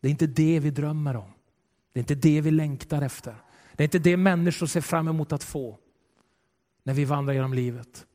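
A male pastor preaching a sermon with dramatic swings between loud and hushed delivery. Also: on the high side. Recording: long reverb of a large hall.

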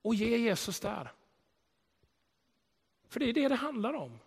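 A male pastor delivers a sermon with lively storytelling energy. His voice sits fairly high, rising loud on key points and sinking to a hush when he prays. Long reverb trails off the walls of the church hall. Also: creaky, breathy edge. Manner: animated storytelling preacher, swells loud for emphasis then drops quiet.

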